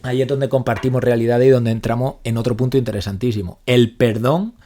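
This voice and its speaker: A young man with a Spain Spanish accent, a psychologist co-hosting a casual podcast, talking quickly and acting out example lines. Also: mid-range voice. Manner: fast, animated, acts out example lines. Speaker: psychologist co-host.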